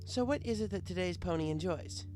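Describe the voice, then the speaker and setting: A man's voice: high voice, brisk, over music, pitched above the performer's own voice, close to an everyday voice. A man voicing a haughty, easily exasperated pony princess with formal, archaic royal speech in a storybook reading. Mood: curious, imperious.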